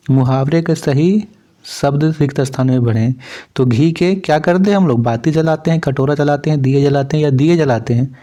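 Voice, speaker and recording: A man teaching a class, going through model exam questions one by one. His delivery is slow and deliberate, and his voice has a mellow, relaxed tone. He poses each question, lists the options and answers it himself. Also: mid-range voice. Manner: reads a poem aloud, then asks quiz questions and answers them himself. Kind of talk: exam answer walkthrough lesson.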